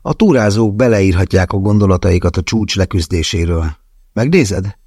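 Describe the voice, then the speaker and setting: A man voicing a curious young woman hiker in an audiobook, with a lively, questioning manner. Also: sits low, husky, no room sound, studio quality.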